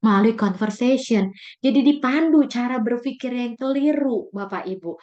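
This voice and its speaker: Lively, somewhat high-voiced woman speaker. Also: muffled recording. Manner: lively, addresses the audience often, mixes in English words. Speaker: parenting speaker. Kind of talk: parenting talk to parents.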